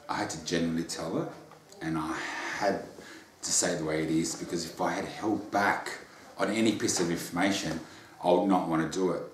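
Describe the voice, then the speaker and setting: An Australian man being interviewed about his memoir, talking in a bubbly, earnest way with repeated words. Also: low-pitched. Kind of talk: casual interview chat. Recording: roomy echo.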